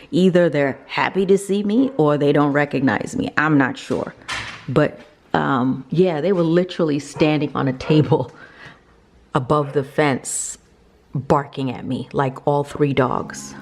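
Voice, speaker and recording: A woman's voice: sits low, slight background noise. A middle-aged woman narrating a casual vlog in a chatty, confiding way. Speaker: vlogger.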